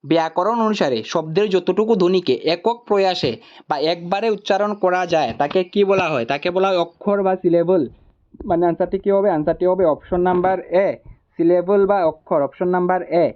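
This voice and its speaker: A man tutor walking through exam answers, repeating each option deliberately. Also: high-pitched, darkish tone, highs cut off.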